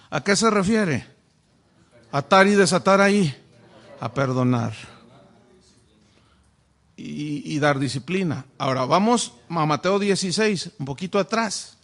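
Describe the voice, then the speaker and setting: A preacher teaches the Bible to his congregation. His voice is high for a man. He keeps throwing questions at the listeners. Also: a bit bright. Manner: asks the audience many rhetorical questions. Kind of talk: sermon-style Bible teaching.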